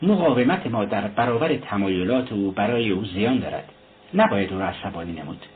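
A man voicing a calm male doctor who explains things in a low, measured way. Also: lightly acted. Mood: concerned. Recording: tinny lo-fi recording, faint hiss.

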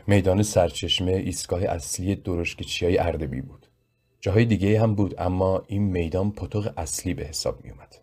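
A man narrating a story in a slow, measured, reflective way, with a husky voice. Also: sits low, warm tone. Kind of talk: audiobook narration.

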